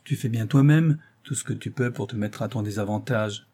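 A man's voice: on the low side, normal speed, warm tone. A man reading a meek, pleading rich lover. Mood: protesting. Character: stout wealthy older man, meek and pleading.

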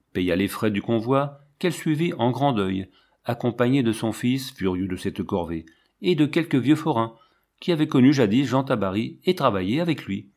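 A man narrating an audiobook in a measured, dramatic reading. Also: mid-range voice, a little mellow.

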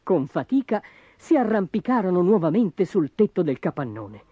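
A woman narrating a children's storybook in an expressive, dramatic way. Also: fairly low pitch, normal speed, breathy edge, no room sound. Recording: dull lo-fi audio with music behind.

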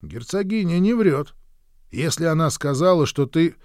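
A man voicing a rough male drinking buddy who speaks brusquely in a raised voice. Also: fairly high pitch, animated, normal speed, darkish tone, dry recording, studio quality, pitched above the performer's own voice, close to an everyday voice. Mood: angry.

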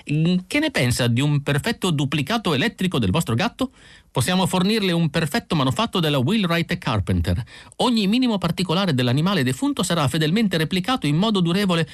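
A man's voice: a little high, animated, moderate pace, hardly any pauses, dry recording, clean studio sound, pitched above the performer's own voice, close to an everyday voice. A man voicing a nervous young clerk who stammers and babbles in an audiobook reading. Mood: babbling. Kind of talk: audiobook character voice.

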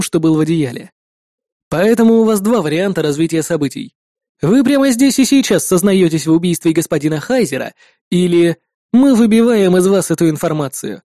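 A male narrator reads an adventure story in first person and changes his voice for each character he quotes. His voice sits high for a man, with a soft, mellow tone. The recording is close and dry, with no room echo. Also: expressive, brisk. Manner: shifts pitch and loudness to voice different characters. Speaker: audiobook narrator.

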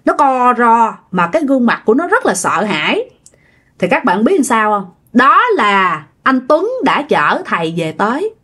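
A woman's voice: on the high side, sing-song, moderate pace, pushed and bright, husky. A woman telling a ghost story in a chatty way, talking straight to her listeners. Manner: chatty, addresses listeners directly.

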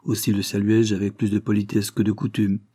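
Male audiobook narrator, measured and even, mellow husky tone. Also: on the low side, dry recording, studio quality. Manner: measured, even first-person reading. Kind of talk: scripted storybook narration.

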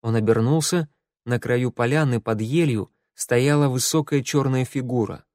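A man reading a fantasy audiobook as narrator in a steady, measured way. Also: mid-range voice, dry recording, clean studio sound. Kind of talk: scripted narration.

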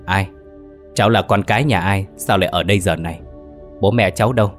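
A man's voice: low voice, a little fast, soft background music, natural voice. A man voicing a grumpy old village man who curses and scolds, in an audio ghost story. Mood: nervous. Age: older. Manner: gruff, cursing.

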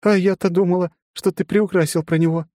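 High soft young woman, nervous and hesitant, a guy doing her voice, dry sound. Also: steady tone, a little fast, no room sound, natural voice.

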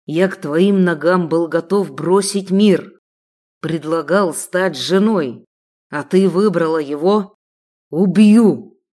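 A woman voicing a jealous, possessive male sheikh who growls his lines, menacing and loud. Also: low-pitched, unhurried.

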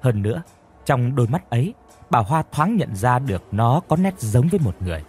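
A man's voice: medium pitch, very animated, fairly quick, darkish tone, slightly rough, faint music behind. A man narrating a scripted horror story in a dramatic storytelling manner.

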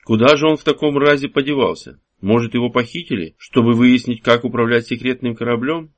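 This is scripted audiobook narration by a man whose mid-range voice tells the story in a steady, measured way.

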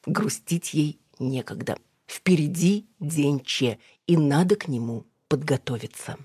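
Low husky woman narrator. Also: darkish tone, no room sound, clean studio sound. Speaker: audiobook narrator. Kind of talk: scripted narration.

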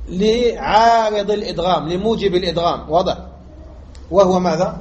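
In a muffled, lo-fi recording with faint background noise, a sheikh from Algeria explains a grammar text on Arabic morphology to his class. He pauses for rhetorical questions and drills the key points repeatedly, his voice sitting high and a little mellow.

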